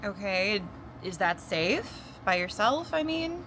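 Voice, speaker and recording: A woman acting as a worried, weary working partner in a found-footage film, speaking in a halting, conversational way. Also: mid-range voice, very animated, a bit bright. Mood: worried, caring. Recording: noisy on-location camera sound.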